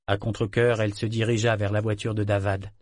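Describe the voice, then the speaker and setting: A man narrating an audiobook in a measured, even reading. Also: fairly low pitch, no room sound, studio quality.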